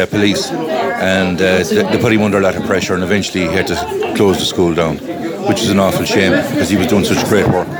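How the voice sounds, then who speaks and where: A man from County Clare with a west of Ireland accent, reminiscing thoughtfully and hesitantly in an interview. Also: low voice. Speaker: interviewee sharing memories of a friend. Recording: music and loud crowd behind. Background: music and crowd.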